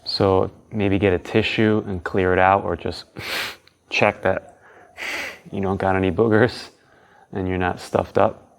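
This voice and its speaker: A man's voice: deep voice, flat delivery, a little slow, creaky. A man teaching a guided breathing lesson as an instructor, with casual, informal phrasing.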